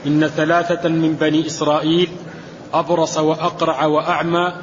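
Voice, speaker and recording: A man reading a classical commentary aloud to a teacher in a lesson, in a steady, measured recitation. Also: fairly high pitch, slight background noise. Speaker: student reading the text aloud. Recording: dull recording with long hall reverb.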